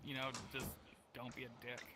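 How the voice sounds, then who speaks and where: A man in the audience giving short, laconic, deadpan answers to a comedian. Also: mid-range voice, fairly quick, rough recording. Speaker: audience member. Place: virtual reality session at home.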